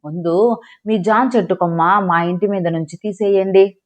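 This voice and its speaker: Woman voicing a bossy shouting mother-in-law. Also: on the low side, fairly even intonation, normal speed, lightly acted. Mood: stubborn. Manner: shouting, domineering. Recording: dull lo-fi recording.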